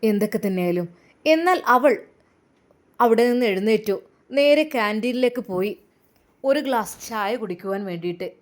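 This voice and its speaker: A woman's voice: medium pitch, lively intonation, moderate pace, pauses often. A woman narrating a dramatic story emphatically.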